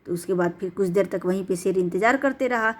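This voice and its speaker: A woman's voice: medium pitch, quick pace. A woman narrating a bedtime story in a casual, chatty way, with restarts and explanatory asides.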